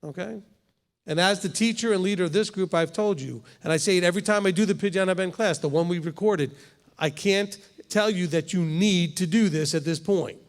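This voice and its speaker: A high-pitched man in his fifties, a rabbi, talks fairly quickly while leading Torah study in a congregation hall, where his voice trails off in a long reverb. He keeps it conversational, frequently asking "okay?"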